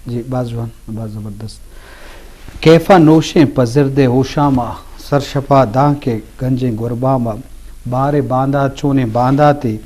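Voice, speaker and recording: A man's voice: mid-range voice, takes it slowly, warm tone. A man hosting an interview, listening attentively and responding with admiring interjections. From Balochistan. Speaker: host. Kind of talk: interview, frequent short acknowledgements.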